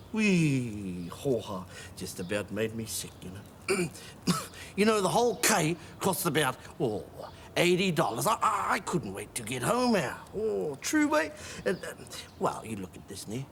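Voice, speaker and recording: A New Zealand man rambles through a comic monologue, chuckling as he goes. His pitch swings widely, from low to high. There is a faint noise in the background. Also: wildly swooping pitch, unhurried, gravelly, fairly bright tone. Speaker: comedy sketch performer.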